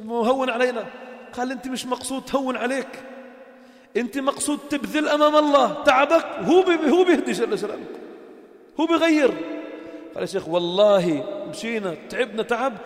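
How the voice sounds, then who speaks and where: Fast, high-voiced preacher in an echoey hall. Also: male voice, expressive. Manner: storytelling, acts out quoted dialogue, builds to emphatic exhortation. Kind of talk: informal sermon to a gathering.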